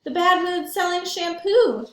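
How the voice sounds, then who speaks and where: Reading a picture book to small children, this high-pitched female storyteller keeps a measured pace while sounding lively and emphatic. The room echoes, and she breaks off now and then to pose easy questions to her listeners.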